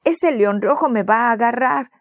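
A woman voicing a young sick boy who pleads in a high childlike voice. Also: normal speed, dry recording, natural voice. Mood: frightened.

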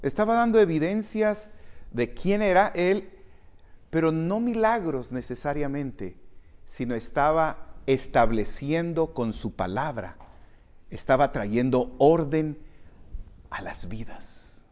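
A man preaching a sermon to his congregation, addressing them directly and swinging from quiet reflection to loud, emphatic calls. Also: fairly high pitch, expressive, slow. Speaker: pastor.

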